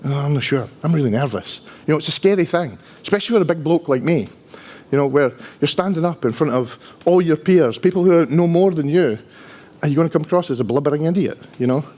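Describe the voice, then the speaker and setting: Male conference presenter, 50s, strong Dundee accent, slightly high-pitched voice, chatty and self-deprecating. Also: lively intonation, fast, mellow. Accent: strong Dundonian Scottish. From Dundee, Scotland. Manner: chatty, self-deprecating, often tags sentences with "right?". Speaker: conference speaker, IT engineer.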